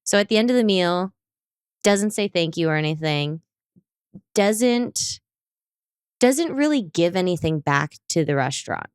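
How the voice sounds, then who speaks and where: Young woman podcast cohost, lowish smooth voice, dry close mic, animated storyteller. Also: measured pace, pauses often, no room sound. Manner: animated storyteller, acts out quoted people. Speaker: podcast co-host. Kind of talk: casual chat.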